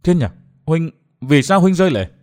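A man's voice: on the high side, expressive, quick pace, lightly acted. An anxious young princess from a martial-arts storybook, as a man reads her, with her voice lifted a little. She asks her questions in a worried, pressing way.

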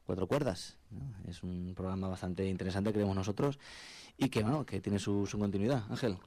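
Hombre rápido de voz grave y oscura. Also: male voice, low voice, fairly even intonation, warm tone, no echo. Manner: quick, agreeable interjections. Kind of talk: casual radio talk.

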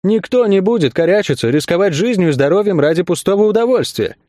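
A man voicing a calm, firm young acrobat who argues steadily. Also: high-pitched, quick pace, dry recording, studio quality. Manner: steady and persuasive.

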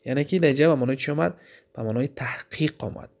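A man with a Tajik accent teaching an Arabic grammar lesson, asking questions and answering them himself, and reciting the Arabic examples slowly. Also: medium pitch, creaky, darkish tone. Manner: explaining, asks questions then answers them.

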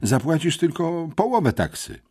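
Man voicing a teenage schoolboy racketeer, hoarse, calm, sly, high pitch, lively swings. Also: normal speed, no echo, clean studio sound. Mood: calmly menacing. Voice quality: hoarse, embarrassed. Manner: calm, smoothly menacing.

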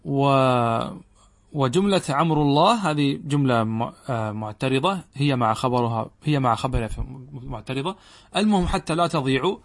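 A middle-aged male scholar teaching grammar at an ordinary pitch. He explains each point patiently, often pausing to ask if the students understand. He reads quoted verses aloud slowly. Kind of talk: classical Arabic grammar lesson.

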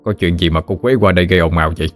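A male storyteller voicing a stern, measured older village father. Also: deep voice, faint music behind, close to an everyday voice.

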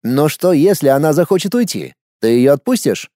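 A cocky, meddling young man who fancies himself an expert on women, as a male reader puts him on. His voice sits higher and swings lively as he needles and insists. The sound is dry and close, with a mellow darkness in tone. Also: moderate pace, dry recording. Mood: sly. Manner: sarcastic, insistent, teasing. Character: smug, nosy young man, self-styled ladies' expert.

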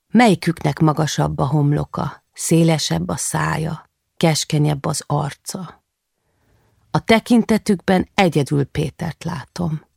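Low gravelly woman reading a novel. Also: no echo, clean studio sound. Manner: quiet, measured reading, lifts pitch for the children's lines. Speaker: audiobook narrator. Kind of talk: first-person novel reading.

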